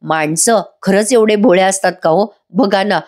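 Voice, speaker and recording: A woman's voice: medium pitch, unhurried, a little mellow. A woman doing a voice-over recap of a TV serial, chatty and talking straight to viewers. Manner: chatty, addressing viewers directly. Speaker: TV serial reviewer.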